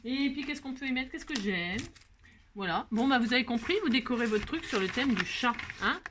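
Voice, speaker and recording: A woman's voice: a little high, lively intonation, moderate pace, background noise. A middle-aged woman chatting casually through a crafting tutorial, talking to herself and her viewers as she works. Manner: chatty, talks to herself and viewers, many fillers.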